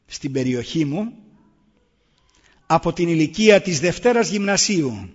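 A man's voice: fairly high pitch, breathy edge. A middle-aged man giving an earnest public talk, answering the audience with pointed rhetorical questions. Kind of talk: public talk on raising children. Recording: echoey hall, dull lo-fi sound.

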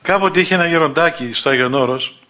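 A man's voice: fairly high pitch, pushed and bright. A man preaching a sermon in a conversational storytelling manner, acting out the voices of the people in his stories. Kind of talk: sermon with anecdotes. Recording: dull lo-fi recording.

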